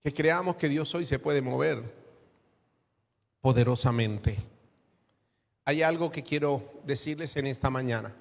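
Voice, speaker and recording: A man's voice: medium pitch, measured pace, gravelly, long pauses, long reverb tail. A man preaching an emphatic, dramatic sermon and calling out to his congregation.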